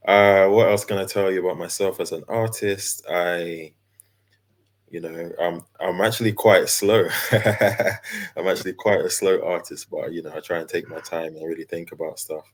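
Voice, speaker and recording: Laid-back deep-voiced man. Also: fairly even intonation, normal speed. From London, England. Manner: laid-back, easygoing, with many fillers and laughs. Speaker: guest, character designer and illustrator. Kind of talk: casual interview chat.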